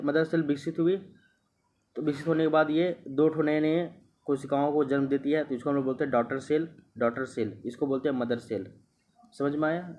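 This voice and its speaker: A man's voice: on the high side, darkish tone. A man teaching an exam-prep lecture, explaining step by step, repeating himself and checking that students understand. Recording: muffled lo-fi recording.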